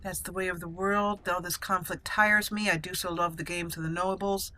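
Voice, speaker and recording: A gaming video host reads game dialogue in character with theatrical flair during her let's play commentary, with video game music in the background. Her low-leaning voice is pushed and bright, with a level tone and moderate pace. The audio quality is poor.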